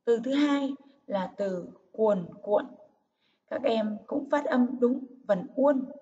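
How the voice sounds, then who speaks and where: Slow, clear-spoken woman teacher. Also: on the high side, expressive, dark tone. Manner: slow, clear, careful enunciation. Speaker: primary school teacher. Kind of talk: reading lesson for young children. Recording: distant, muffled recording with faint hiss.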